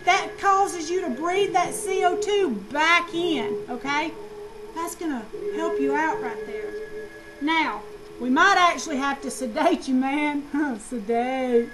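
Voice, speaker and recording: A woman with a high, bright-sounding voice lectures a nursing class in a lively, slangy way. She fires questions at the students and answers them herself. The recording carries clear background noise. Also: a little slow. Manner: animated, slangy, asks and answers own questions.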